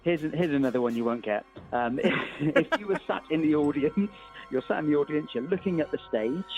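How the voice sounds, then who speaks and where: A man's voice: on the high side, animated, a little fast, darkish tone. A man with a Wiltshire accent chatting casually as a radio quiz guest, jovial and teasing. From Wiltshire, England. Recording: slightly dull radio audio, music underneath.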